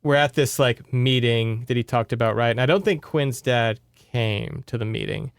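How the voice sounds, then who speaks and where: Recapping a book as a podcast co-host, an American man chats in a wry, informal, sarcastic way. His voice sits at medium pitch with vocal fry and a clean tone, at a normal speed, in a dry, studio-quality recording.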